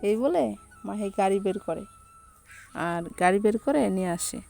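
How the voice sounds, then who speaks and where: A woman narrating a romance story in a steady, plain reading voice. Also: mid-range voice, measured pace, creaky.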